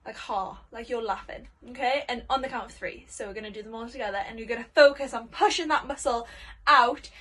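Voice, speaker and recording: A woman with a somewhat high-pitched voice leads a vocal warm-up lesson. She talks directly to young learners, explaining each step in simple words with an encouraging manner. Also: quick pace. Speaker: singing teacher. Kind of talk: warm-up lesson, spoken instructions to camera.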